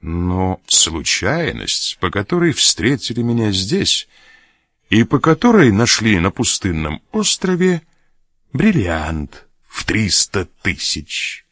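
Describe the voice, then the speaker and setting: A man's voice: fairly low pitch, sing-song, takes it slowly, fairly bright tone, no room sound, studio quality, exaggerated voice. A man reading aloud as a sly sailor who mocks and threatens an officer. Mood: mocking. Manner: mocking, laughs at threats. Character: sly mocking sailor, blackmailing a major.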